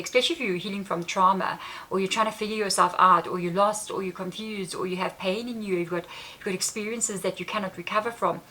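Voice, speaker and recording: A woman's voice: mid-range voice, pushed and bright, rough recording. A woman earnestly telling a personal story to camera in a rambling, repetitive way. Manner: earnest, rambling, repeats herself. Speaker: spiritual vlogger.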